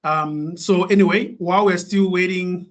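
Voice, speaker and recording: A man from Malawi, slightly high-voiced, giving a webinar presentation over a video call. He talks in a hesitant, restarting way, full of "um" and "uh" as he explains. His tone stays informative and steady. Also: moderate pace. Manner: hesitant, many fillers and restarts. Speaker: guest speaker.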